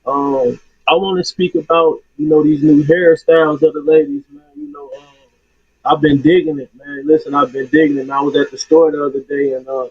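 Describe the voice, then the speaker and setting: A man's voice: on the high side, a little fast, slightly rough, dry recording. Muffled man calling in over a distorted phone line. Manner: laid-back, slangy, rambling. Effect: muffled, distorted phone line, as if talking through a water hose. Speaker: caller. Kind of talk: casual call-in chat.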